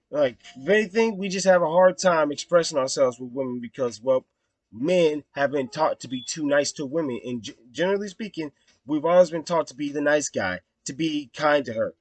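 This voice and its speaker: A young man talks straight to the camera in a loose, rambling way. His voice sits a little high, and he swears freely. The sound is dry and close, with no room around it. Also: lively intonation, moderate pace, no room sound. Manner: blunt and profane, with frequent fillers. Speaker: vlog host reviewing a film. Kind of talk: casual rambling commentary.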